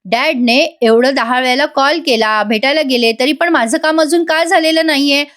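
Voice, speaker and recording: A woman's voice: sits high, moderate pace. Defiant grown daughter, read by a woman. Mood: confronting. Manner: loud and confronting. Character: defiant grown daughter demanding her money.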